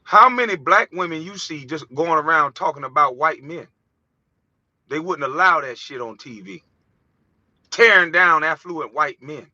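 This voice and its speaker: Heated, bright-voiced man on a rant. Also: a little high, lively intonation, unhurried, dry recording. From United States. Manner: heated, ranting, profane, preachy. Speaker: vlogger. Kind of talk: impassioned monologue. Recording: dull, dry lo-fi recording.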